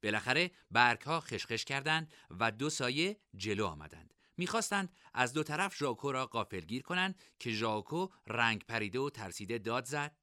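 A man narrating a story in an expressive, lively reading. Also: mid-range voice, hardly any pauses, dry recording, studio quality.

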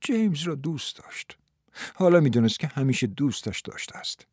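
A man narrating an audiobook in an expressive, dramatic storytelling manner. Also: a little high, husky, no echo, studio quality.

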